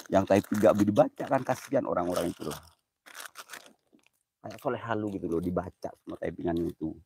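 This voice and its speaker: Young male vlogger, husky low voice, jokey livestream banter, dry close phone sound. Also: mellow, no room sound. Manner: jokey, laughs often, greets viewers. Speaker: host of a comedy ghost-hunting livestream. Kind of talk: casual joking livestream chat. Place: outdoors by an old well. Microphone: phone camera.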